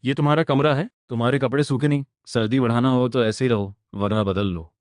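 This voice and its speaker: A man's voice: mid-range voice, steady tone, fairly quick, no echo, clean studio sound, natural voice. A man reading the lines of a cool, commanding rich young woman in a storybook recap, in a curt, matter-of-fact way.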